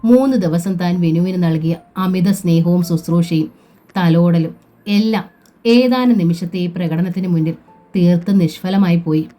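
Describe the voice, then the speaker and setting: A woman narrates a family novel in a steady, measured way. Her voice sits low and sounds mellow and soft-edged. Soft background music plays faintly beneath her. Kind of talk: storybook reading of a novel.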